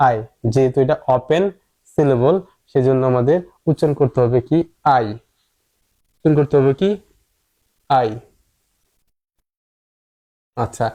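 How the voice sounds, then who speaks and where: Here a man with a warm, fairly high-pitched voice gives an explanatory English pronunciation lesson. He's patient, going over every point several times.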